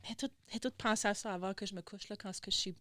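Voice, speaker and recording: A woman's voice: medium pitch, racing, pushed and bright, no echo, clean studio sound. A woman with an Acadian French accent from Baie Sainte-Marie, chatting animatedly as a podcast guest, mixing in English words and swearing freely. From southwest Nova Scotia, Canada. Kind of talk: casual chat.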